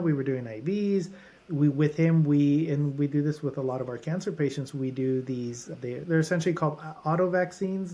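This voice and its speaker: On a podcast, a doctor from a holistic clinic explains treatments through strings of lists, often restarting mid-thought. His voice is a little high and darkish in tone.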